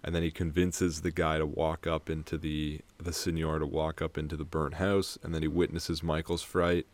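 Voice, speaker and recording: A man's voice: a bass voice, flat delivery, normal speed. A young man co-hosting a podcast, casually retelling a film's plot in a rambling, profane way with frequent laughs. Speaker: podcast co-host. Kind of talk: casual film discussion.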